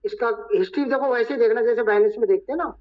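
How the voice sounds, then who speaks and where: A hoarse man acting as trainer, talking viewers through a screen-share tutorial step by step. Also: very high-pitched, fast. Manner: talks viewers through each step, repeating "look". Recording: dull lo-fi recording.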